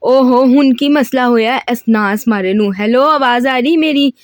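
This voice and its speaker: A woman's voice: on the high side, measured pace, no echo, clean studio sound, natural voice. A woman voicing a rustic, scolding Punjabi mother with a Punjabi accent and a thickened voice in an audiobook reading of a novel.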